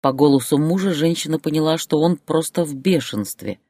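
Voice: mid-range voice, brisk, mellow, dry recording. Dry-voiced story narrator. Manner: plain storytelling delivery.

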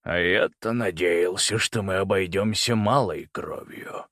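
A man's voice: deep voice, unhurried, a bit bright, no echo, studio quality. A man doing a sneering old villain grandfather. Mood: mocking. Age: older. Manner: menacing, sneering. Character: ruthless old grandfather, lord of birds, mocking villain. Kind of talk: audiobook character voice.

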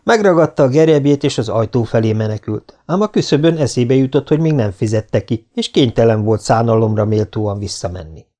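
A man's voice: medium pitch, animated, mellow. Man reading an audiobook. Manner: measured storytelling. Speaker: audiobook narrator. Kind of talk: scripted audiobook narration.

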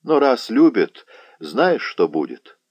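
A man voicing a loud, sharp-tongued old witch woman in an audiobook, with a shrill, mocking way of talking. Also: big pitch swings, slow pace, dry recording, clean studio sound. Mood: scolding.

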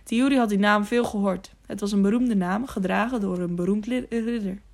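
A woman reads a storybook aloud in a calm, steady way. Her voice sits at a middle pitch, and her telling stays even and measured throughout. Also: creaky. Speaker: audiobook narrator. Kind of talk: storybook narration.

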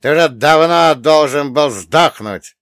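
A man plays a sneering middle-aged oligarch in an audiobook. The voice is cold, contemptuous and louder than the narration around it, with sharp barked words. The recording is dry and close. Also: medium pitch, slow, clean tone, no echo. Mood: menacing. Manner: scornful, barking.

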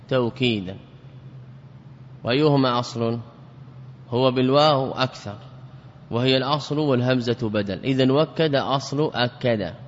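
A man's voice: medium pitch, fairly bright tone, slight background noise. A man giving a classical grammar lesson, who explains by repeating words and asking himself questions. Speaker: teacher of Arabic grammar. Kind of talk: classical lecture. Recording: dull lo-fi audio with reverb.

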